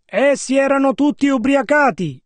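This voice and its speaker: A man interpreting a sermon line by line in a steady, measured way. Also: extremely high pitch, dry recording. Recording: dry, close sound.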